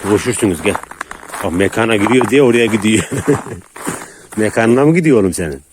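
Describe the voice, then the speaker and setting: A lowish male voice, talking casually as he calls and soothes his dogs outdoors. He coaxes, chuckles and drops to a hush to calm them. The faint hiss of an open rural yard sits under the phone recording. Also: brisk. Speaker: dog owner filming his dogs.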